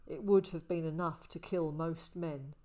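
A woman voicing a calm male ranger, soft, sober, quiet, a bit low. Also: measured pace. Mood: storytelling. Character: calm older male ranger, a gentle mentor.

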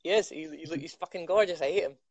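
A young man, an MMA fighter answering quick questions on a video call, chatty and self-mocking with many restarts. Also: a little high, a little mellow. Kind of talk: casual video-call interview. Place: living room at home.

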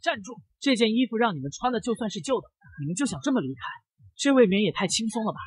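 A man voicing a spoiled, sharp-tongued rich young woman who sneers and snaps at everyone. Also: huge pitch swings, very fast, husky, dry recording, exaggerated voice. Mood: sneering. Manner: sneering, shrill, haughty.

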